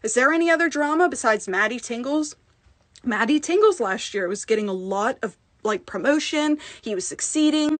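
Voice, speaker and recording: A woman's voice: fairly high pitch, animated, no room sound. Furious swearing woman ASMR creator. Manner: heated, swearing, halting restarts. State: upset and shaken. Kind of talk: angry call-out rant.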